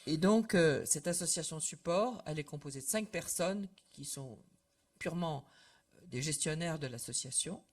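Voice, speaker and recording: A woman's voice: deep voice, lively intonation, moderate pace. Older woman chatting informally to members. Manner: conversational, many fillers, trails off at phrase ends. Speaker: association representative. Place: meeting room with audience.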